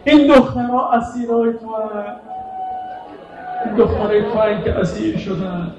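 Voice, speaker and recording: A man delivering a mourning sermon, narrating in plain speech and breaking into shouted, wailing chant. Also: steady tone, dull audio, background noise. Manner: rises into shouted wailing chant, then drops to low narration. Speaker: eulogist. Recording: echoey, distant mic, faint ambience.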